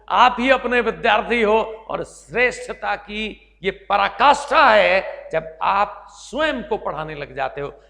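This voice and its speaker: Bright, gravelly Marwari teacher. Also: male voice, sits high, in a large hall. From Marwar, Rajasthan. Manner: emphatic, calls students "beta". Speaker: English teacher. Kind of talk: classroom lecture.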